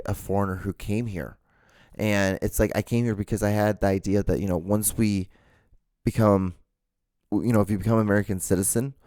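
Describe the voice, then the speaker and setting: A man from Honduras hosting a podcast, talking through a casual monologue in an emphatic, halting way, with many restarts and fillers. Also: lowish voice, dark tone, no echo, clean studio sound. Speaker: podcast host.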